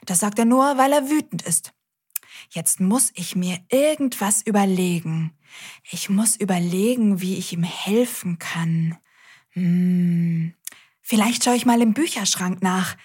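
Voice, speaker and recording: A woman's voice: mid-range voice, a little slow, darkish tone, husky. A woman hosting a scripted children's audio show, cheerfully talking straight to the kids.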